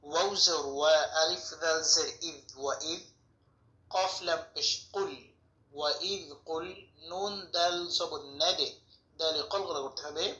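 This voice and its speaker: A man's voice: on the high side, steady tone, sharp tone. Man teaching Quran recitation, echoey room. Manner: slow, methodical spelling of syllables, drawn-out chanted recitation. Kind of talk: tajweed lesson, spelling out letters and vowels. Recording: echoey room, dull lo-fi sound.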